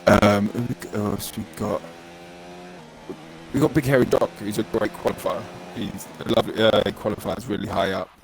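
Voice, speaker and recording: A man's voice: on the low side, fairly even intonation, moderate pace, vocal fry. A man with a London accent and glottal stops for his T's, co-commentating casually on a livestreamed race over a glitchy, noisy voice chat. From London, England. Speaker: co-commentator, league racer.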